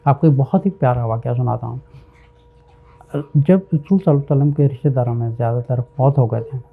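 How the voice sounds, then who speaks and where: A man's voice: medium pitch, gravelly, breathy edge. A man preaching a sermon, earnest and emphatic, slipping English words into his talk. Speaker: Islamic preacher. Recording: narrow phone-like sound.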